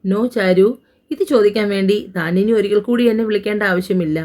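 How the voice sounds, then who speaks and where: A woman's voice: medium pitch, darkish tone, lightly acted. A woman voicing a firm male senior doctor. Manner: firm, brisk.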